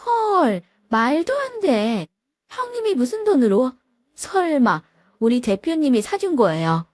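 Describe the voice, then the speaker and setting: A woman voicing a spiteful young female lawyer who talks down to her sister-in-law with shrill scorn. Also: sing-song, moderate pace, no room sound, studio quality. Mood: sneering.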